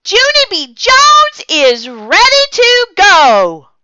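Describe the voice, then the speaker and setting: A woman voicing an excitable little schoolgirl who hollers and squeals at the top of her voice, on a slightly muffled dry recording. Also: very high voice, very slow, no room sound, voice pushed up, exaggerated voice. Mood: excited. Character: shrieking, excitable little schoolgirl, bossy and loud.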